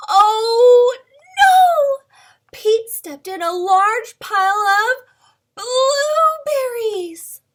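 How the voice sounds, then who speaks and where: This preschool teacher reads a picture book to young children at home with a very high voice at a very slow pace. She keeps it playful and expressive, asks questions, and now and then whispers.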